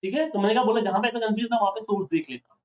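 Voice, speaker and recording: A male accounting teacher lecturing a classroom, often pausing to ask students questions to check they follow. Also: high voice, distant mic.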